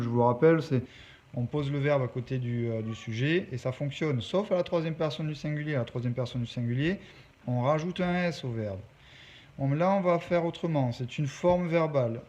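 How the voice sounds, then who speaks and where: A male English teacher with a mellow, medium-pitched voice explains a lesson step by step, pausing to check that his pupils are following. The recording is dull and lo-fi with faint background noise.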